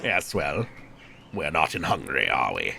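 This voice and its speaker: A man putting on a hushed, haughty old prior. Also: a bass voice, sing-song, moderate pace, creaky, background noise, voice pushed down, full character voice. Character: stern aging male monk, a cold guarded prior.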